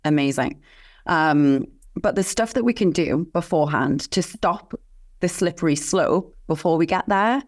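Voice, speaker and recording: In an unhurried, low voice, a woman gives a candid interview as a guest expert. Earnest and passionate, she recounts her own experience with conviction and talks about her calling and mission.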